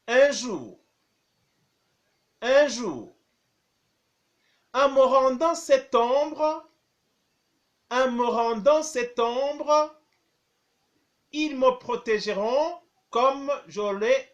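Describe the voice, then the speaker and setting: Like a primary school teacher, a man with a high voice dictates at an extremely slow pace. He goes phrase by phrase in small chunks, repeating each one and saying the punctuation marks out loud.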